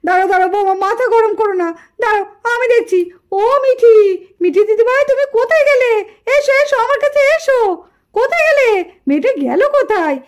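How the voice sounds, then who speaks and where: Brief: woman as soft-hearted cartoon granny, coaxing, slower and a touch lower. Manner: coaxing, calming. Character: gentle, soothing grandmother. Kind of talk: puppet-show cartoon voice.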